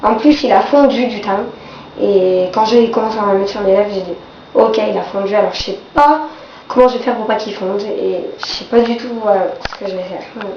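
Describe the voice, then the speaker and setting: Talking fairly quickly in a medium-pitched, darkish voice, a young beauty vlogger in her teens or early adulthood casually reviews products despite a cold. Her nasal, congested sound comes with a sore throat, and the dull, roomy audio has faint background noise.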